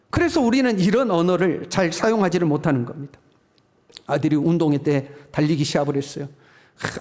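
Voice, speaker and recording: Middle-aged male pastor, conversational sermon delivery that slips into acted lines, voice a bit high. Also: darkish tone. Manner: conversational preaching, acting out parents' lines. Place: church sanctuary.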